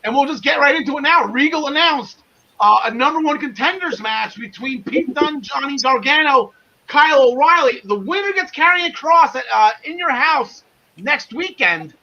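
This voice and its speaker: A man with a very high, bright voice hosts a casual sports podcast. He rambles along enthusiastically in slangy everyday speech. The audio is dull and lo-fi. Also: lively intonation, moderate pace. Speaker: podcast host. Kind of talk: casual wrestling podcast discussion.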